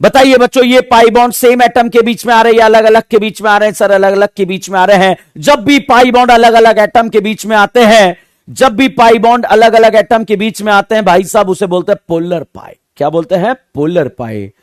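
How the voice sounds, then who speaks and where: Male chemistry tutor, high voice, dry close sound, quizzes the class nonstop and repeats answers back, rhymes to make facts stick. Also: steady tone, a little fast, clean tone, no room sound. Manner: drills students with call-and-response questions and repetition; coins catchy rhyming mnemonics. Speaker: chemistry teacher. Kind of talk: exam-prep chemistry lecture.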